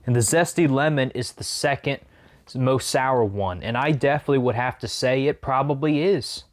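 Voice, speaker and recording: A man hosts a food challenge, talking casually to the camera as he eats sour candy. His voice sits at an ordinary male pitch, with an informal, conversational delivery. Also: moderate pace.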